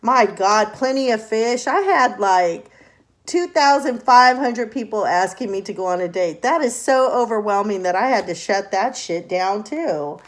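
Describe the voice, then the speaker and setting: Older woman, tarot reader, unhurried blunt delivery, salty language, easy laughs. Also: medium pitch, lively intonation. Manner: blunt and profane, laughs often. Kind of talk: casual advice talk to camera.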